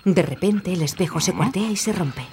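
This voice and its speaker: Male narrator over loud music. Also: sits high, lively intonation, moderate pace. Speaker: audio describer. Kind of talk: scripted present-tense narration of a cartoon. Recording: loud soundtrack behind.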